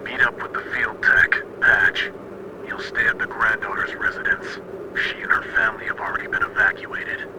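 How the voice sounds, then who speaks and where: A man's voice: lowish voice, huge pitch swings, normal speed. A man playing a stern military commander who gives clipped, formal orders over a crackling walkie-talkie radio. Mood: commanding. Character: stern male military commander briefing a soldier. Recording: heavy radio static.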